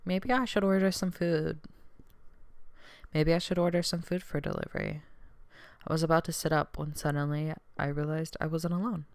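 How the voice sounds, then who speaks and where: A woman's voice: sits low, fairly even intonation, normal speed, gravelly, no echo, studio quality. A woman streamer reading a story aloud, reading the narration evenly and then breaking off into chatty, giggly asides.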